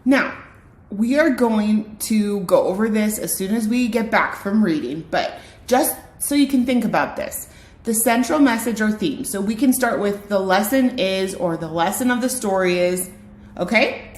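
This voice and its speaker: In an unhurried, expressive manner and at a medium pitch, a female teacher reads a picture book to children. Along the way she explains words and often asks the young viewers direct questions, making it a read-aloud lesson built around vocabulary.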